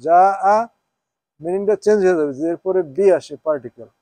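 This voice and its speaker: High-voiced man teaching a class. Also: brisk, mellow, no echo. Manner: checks with students, asks "হ্যাঁ?" often; switches between Bengali and English, spells Arabic out. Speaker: Quran teacher. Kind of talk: informal class lesson.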